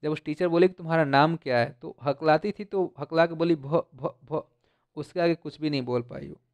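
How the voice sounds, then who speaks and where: A man teaching a textbook story, reading English lines slowly and explaining them in conversational Hindi. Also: on the high side, vocal fry, no echo.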